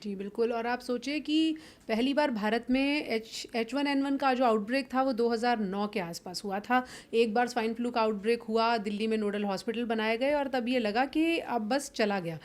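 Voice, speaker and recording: Female health-show host, polite formal questions, slightly high pitch. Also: normal speed, hardly any pauses. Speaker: interviewer, host. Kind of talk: interview questions.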